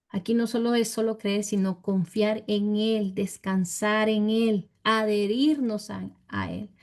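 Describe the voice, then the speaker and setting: A woman's voice: mid-range voice, darkish tone. Woman leading a Bible study. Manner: measured, explanatory, inviting questions.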